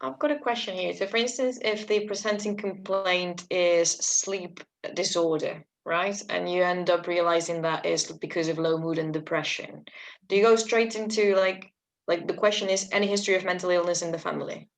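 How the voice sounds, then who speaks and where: Low, gravelly woman asking a question. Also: steady tone, normal speed, rough recording. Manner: hesitant, many fillers. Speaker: student.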